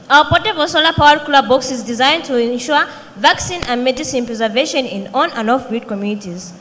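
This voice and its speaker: A young woman presents a scripted product pitch. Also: a bit bright, slight background noise. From Zambia. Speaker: student company director presenting. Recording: reverberant hall.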